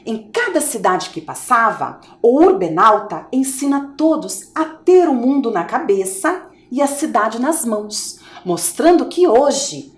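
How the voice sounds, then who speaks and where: A Brazilian woman teaching a video lesson to small children, her voice lively and swooping as she coaxes them with questions. Her pitch sits somewhat high, and the recording has an echoey, roomy sound. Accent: Brazilian Portuguese. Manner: animated, coaxing, asks children questions. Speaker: primary school teacher.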